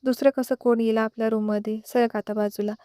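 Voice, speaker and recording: A woman's voice: a little high, fairly even intonation, brisk, mellow, clear, resonant tone, no room sound, studio quality, close to an everyday voice. A woman reading a storybook voices a cold, dismissive young husband who scolds his wife. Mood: curt.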